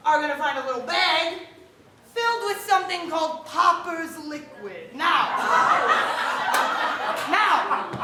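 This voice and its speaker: A woman playing a brash, sleazy male game show host in a live sketch on a theater stage, loud and rambling and out of breath. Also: very high-pitched, background noise. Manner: loud, rambling, breaks into laughter. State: winded. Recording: roomy theater sound.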